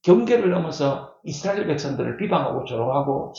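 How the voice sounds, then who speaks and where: A man's voice: fairly high pitch, sing-song, brisk, a little mellow. A male pastor, likely middle-aged, preaching a sermon in a church. He talks emphatically, repeats key words and puts questions to the congregation. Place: church sanctuary. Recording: echoey church hall, dull lo-fi sound.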